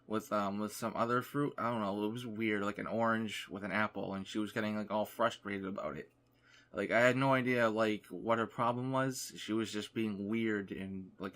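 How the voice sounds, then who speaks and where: A young man who makes gaming YouTube videos tells a rambling story over gameplay, packing his speech with "like." His voice is lowish and a bit bright.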